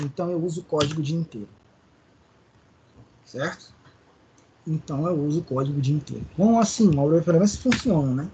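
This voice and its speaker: This Maranhão-accented Brazilian Portuguese speaker is a male programming teacher, his voice a little high and a little mellow, with the highs cut off and some faint hiss or hum. He explains code one step at a time in a live online lesson and frequently checks on his students.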